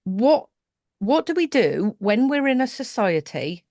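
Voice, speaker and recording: A woman's voice: fairly high pitch, big pitch swings, a little slow, a little mellow, dry recording, clean studio sound. A British woman hosting a conversational interview, thinking aloud with restarts and asides. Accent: British English. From United Kingdom. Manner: thoughtful, circling back with restarts and asides. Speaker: podcast host.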